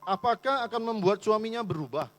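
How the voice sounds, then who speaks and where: High-voiced man preaching. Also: lively intonation, brisk, a bit bright. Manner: emphatic preaching, voicing complaining wives in quotes. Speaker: pastor. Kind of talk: sermon. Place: church.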